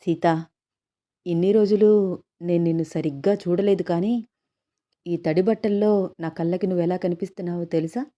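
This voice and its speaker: A playful young husband in a romantic audio story, coaxing and teasing in a soft, close voice. A woman voices him in her own plain tone. The talk stays intimate and gentle. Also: lowish voice, fairly even intonation, moderate pace, long pauses, muffled recording, natural voice. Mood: tender.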